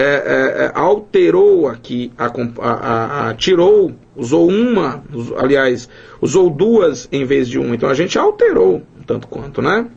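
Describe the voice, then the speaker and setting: A man from Brazil teaching an online grammar lesson in a lively, chatty way, joking with his students. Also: mid-range voice, gravelly, breathy edge. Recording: dull lo-fi sound.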